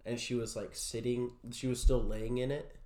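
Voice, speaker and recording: A young man being interviewed, telling a personal story in a halting way full of fillers. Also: medium pitch, level tone, a little mellow. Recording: roomy echo.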